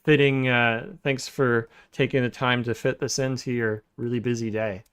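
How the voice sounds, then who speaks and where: A man hosting a podcast in a relaxed, casual chat, pausing often with filler sounds and restarting sentences. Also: mid-range voice, a crowd in the background. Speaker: podcast host.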